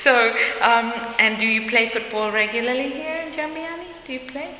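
A woman's voice: a little high, fairly even intonation, normal speed, bright, forceful tone. A woman conducting a casual interview in a chatty way, often turning answers back into questions. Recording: echoey room, faint hiss.

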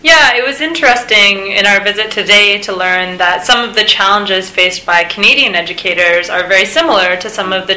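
A woman's voice: medium pitch, pushed and bright, roomy sound, rough recording. A woman hosting an interview, speaking fluently and in a friendly way. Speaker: host, public engagement officer.

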